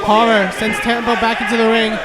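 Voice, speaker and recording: A man giving live play-by-play as a pro wrestling commentator, excitable and shouting out the moves. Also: extremely high pitch, a little fast. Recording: noisy live arena with loud crowd. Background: loud crowd and venue noise.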